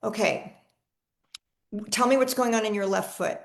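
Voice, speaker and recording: An energy healer with a mid-range voice and vocal fry speaks at a measured pace. She's running a live online healing session on a video call, talking enthusiastically and chattily while often repeating and restarting.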